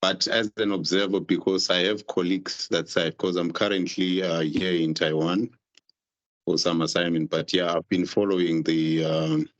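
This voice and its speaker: A man's voice: low-pitched, little pitch movement, normal speed. A man from Eswatini who joins a live webinar as an attendee, speaking politely and apologetically on a call. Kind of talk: asking a question on a live call. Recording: dull lo-fi video call audio.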